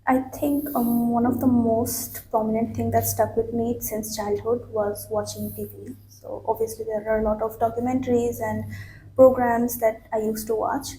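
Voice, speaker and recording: Taking a mock IELTS speaking test, this young woman from Bangladesh answers at normal speed in a high-ish, flat voice with a dark tone, using many fillers and restarts. The small office room she's in sounds echoey and carries faint background noise.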